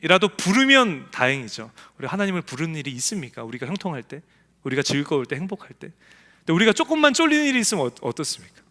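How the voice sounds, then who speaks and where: A man's voice: on the high side, very animated, fast talker, bright, forceful tone. A man preaching a sermon as pastor in a church sanctuary, emphatic and acting out the voices he quotes. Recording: echoey church hall.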